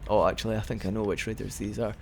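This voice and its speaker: A man's voice: on the low side, little pitch movement, rapid-fire, vocal fry, darkish tone. A young man giving rambling, casual commentary over a game he is playing, hiccuping now and then. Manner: chatty and rambling, with frequent restarts. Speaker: let's play commentator.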